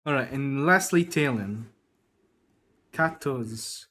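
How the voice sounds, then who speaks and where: A man's voice: medium pitch, takes it slowly, bright, forceful tone. Laid-back man chatting while drawing. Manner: laughing often, loose and joking. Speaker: streamer drawing on stream. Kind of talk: casual chat while drawing.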